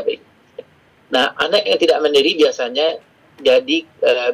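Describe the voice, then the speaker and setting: A man's voice: fairly high pitch, slightly rough, poor audio. A middle-aged man giving a conversational parenting seminar to fathers and mothers, acting out quoted dialogue as he goes. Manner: acts out quoted dialogue in varied voices. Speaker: parenting class speaker.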